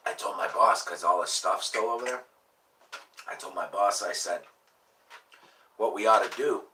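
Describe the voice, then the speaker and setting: Sharp-toned man in his late thirties, rambling. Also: low voice, far from the mic, slight background noise, low-quality recording. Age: late 30s. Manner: rambling, profane, laid-back. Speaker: livestream host. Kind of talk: casual livestream chat.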